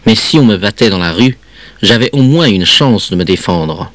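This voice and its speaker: Low-voiced man reading a story. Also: lively intonation, normal speed, fairly bright tone, no room sound. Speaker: reader.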